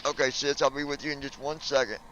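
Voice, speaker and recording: A man in casual chat with his viewers while streaming a flight simulator, laid-back and joking, slowing down to spell out codes. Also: medium pitch, level tone, a bit bright, lo-fi sound, slight background noise.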